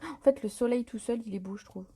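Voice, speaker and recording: A woman with a fairly high, husky and mellow voice leads a live card-making tutorial. She chats loosely as she works, full of little fillers and self-corrections, sounding unscripted and at ease. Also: fast. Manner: chatty and relaxed, many fillers and self-corrections. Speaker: craft demonstrator hosting a live stream. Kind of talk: live paper-craft tutorial, improvised chat.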